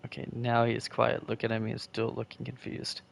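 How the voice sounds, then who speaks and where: A man's voice: medium pitch, completely flat delivery, fairly quick, vocal fry, background noise. A man reading the first-person narration of a nervous, curious young man in a game, now and then stammering. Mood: anxious.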